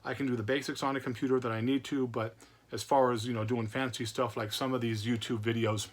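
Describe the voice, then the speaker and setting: A man's voice: medium pitch, flat delivery, fast. A man hosting a casual vlog, rambling in a chatty way with repeated words and many fillers. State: recovering from illness. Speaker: comic book channel host. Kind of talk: casual chat to camera.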